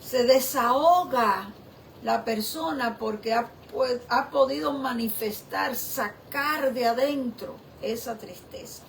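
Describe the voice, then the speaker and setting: A woman pastor preaching a sermon in a slow, reflective way, often asking the listener questions. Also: a little high, vocal fry, a little hiss or hum.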